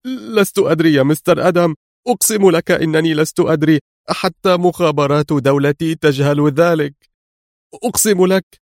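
A man voicing a terrified male foreign agent who pleads in a shrill, breathless way. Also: lively intonation, fast talker, darkish tone, no room sound, clean studio sound. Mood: pleading.

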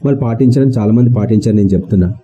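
A man's voice: fairly low pitch, very fast, warm tone, poor audio. A man preaching a sermon to his congregation, firing rhetorical questions at them and repeating key words for emphasis. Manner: colloquial, mixes in English words.

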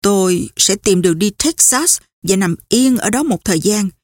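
A woman reading a brash young man on the run who talks fast and swears often, in an audiobook. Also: medium pitch, lively intonation, darkish tone, dry recording, natural voice. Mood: hurried. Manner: rough, swearing, hurried.

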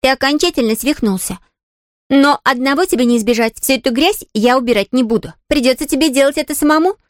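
A woman's voice: high voice, fast, no echo, studio quality, pitched above the performer's own voice, close to an everyday voice. A woman voicing a teasing older sister who sneers and scolds, in a storybook reading. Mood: annoyed.

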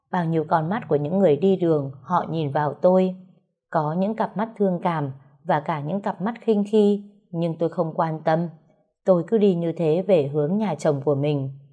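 A woman narrates a story in the first person, using a low, warm voice. Her delivery is sorrowful and pleading throughout.

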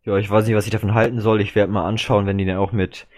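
Male podcast co-host, low voice, casual and opinionated. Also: level tone, fast talker, darkish tone. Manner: chatty, opinionated, hesitant restarts. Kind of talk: casual fan podcast chat.

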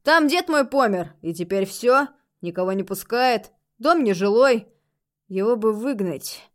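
A woman voicing a burly, bearded, biker-like man who talks bluntly and gruffly. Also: mid-range voice, unhurried, lightly acted.

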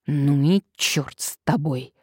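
A woman reading an audiobook, voicing a vengeful scheming male playwright who plots revenge in slow, muttered menace. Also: sits low, expressive, vocal fry, warm tone, dry recording, studio quality, exaggerated voice. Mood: brooding menace.

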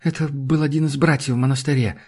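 A man's voice: on the high side, moderate pace, dark tone, slightly rough. A man voicing a frightened, hurt young man who speaks barely above a whisper and pleads. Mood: hushed.

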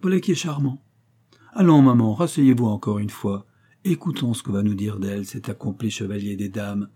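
A man's voice: fairly low pitch, normal speed, warm tone, slightly rough. A man reading aloud, voicing a playful young sister who teases and mocks. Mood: teasing. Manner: playful, mocking. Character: teasing lively young sister.

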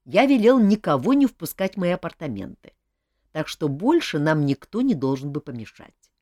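A blunt, commanding king in an audiobook, grumbling and gruff, played by a woman reading the story. The voice is fairly low, with big rises and falls, and it sounds dry and close. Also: very animated, moderate pace, mellow, dry recording. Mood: relaxed. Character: gruff, bossy, amused male king.

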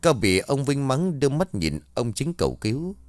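A man giving a dramatic, expressive scripted ghost story narration. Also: medium pitch, moderate pace, no echo.

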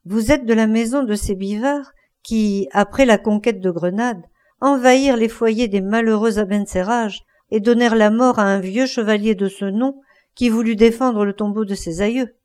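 A woman's voice: a little high, normal speed, darkish tone. A woman narrating a classic French novella as an audiobook reader, reading the characters' lines without much change of voice.

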